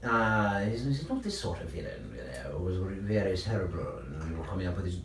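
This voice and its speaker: A man, a stage actor, talking casually about his craft, thinking aloud in an animated way. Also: sits low, fairly quick. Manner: animated, thinking aloud, illustrating with acted-out lines. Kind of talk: casual discussion of acting. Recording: echoey room, distant mic, faint noise.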